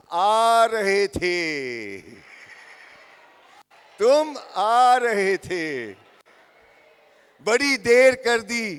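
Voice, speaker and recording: A man's voice: high-pitched, a bit bright. A man in his sixties giving a motivational talk to young people, addressing the crowd directly and repeating phrases for emphasis. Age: 60s. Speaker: motivational speaker. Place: large hall with live audience. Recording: echoey hall.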